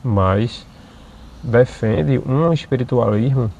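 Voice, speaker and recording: Gravelly man explaining calmly. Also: mid-range voice, slight background noise. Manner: measured, with frequent tag questions. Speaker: channel host. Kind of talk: explanatory monologue.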